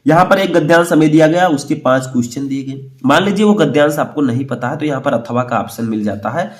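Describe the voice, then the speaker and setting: A man's voice: on the high side, fast, echoey room. A man teacher walking students through an exam paper, explaining step by step and checking that they have understood. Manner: explanatory, repeats "ठीक है" and asks "समझ में आया?".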